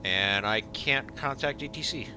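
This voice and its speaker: Brief: male streamer, casual game chat, lively and profane, audible engine noise in the background. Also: medium pitch, measured pace. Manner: animated, swears, laughs often.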